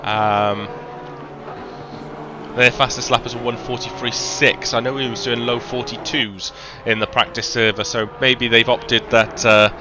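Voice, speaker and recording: A man's voice: medium pitch, flat delivery, unhurried, background noise. A man with a faint Welsh accent doing live sim racing commentary, chatty, with lots of ums and self-corrections. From Wales.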